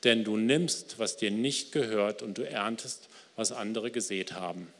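Scared servant man, soft and defensive, guy reading it in a sermon, big hall echo. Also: lowish voice, unhurried. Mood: fearful.

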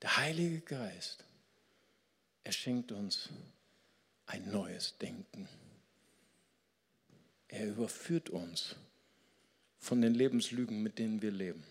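A man preaching a sermon as pastor, lively and storytelling, slowing down to stress key words. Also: on the low side, long reverb tail.

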